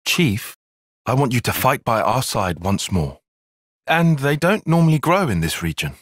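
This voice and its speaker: In a scripted video game cutscene, a male actor with a British accent plays an earnest, cerebral young soldier and tactician, using articulate, formal phrasing. His slightly husky, mid-range voice swings widely in pitch at a moderate pace, captured with studio quality and no echo.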